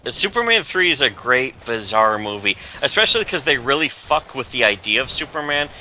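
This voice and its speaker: A man's voice: medium pitch, very animated, fairly quick, sharp tone, slight background noise. A man chatting casually as a podcast host, rambling and profane with lots of restarts. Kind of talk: casual chat.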